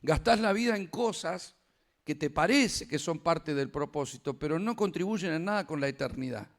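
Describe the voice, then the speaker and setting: A man's voice: a little high, lively intonation, normal speed. An older man preaching a sermon, emphatic and returning again and again to firm refrains.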